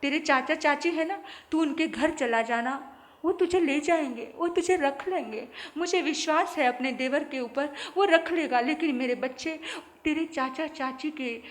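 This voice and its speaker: A woman's voice: very high-pitched, a bit bright. A woman voicing a poor, dying mother who begs her young son for a promise in a breathless, tearful plea.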